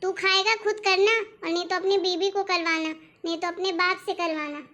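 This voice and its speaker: A fed-up middle-aged mother-in-law, voiced by a woman in a cartoon story, complaining with big dramatic sighs. The voice sits very high. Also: fairly even intonation, normal speed, pushed and bright. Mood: indignant. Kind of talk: cartoon voice acting.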